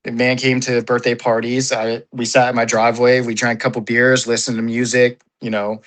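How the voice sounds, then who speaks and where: Guy being interviewed, rambly, says "you know" every other word, swears a bit, regular pitch. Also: monotone, a little fast, fairly bright tone, low-quality recording. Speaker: paintball player, interview guest. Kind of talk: casual interview.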